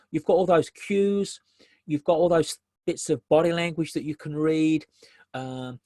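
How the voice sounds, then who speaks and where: A man's voice: on the high side, darkish tone, dry recording. A man giving a conversational business webinar presentation over a video call, repeating key phrases for emphasis.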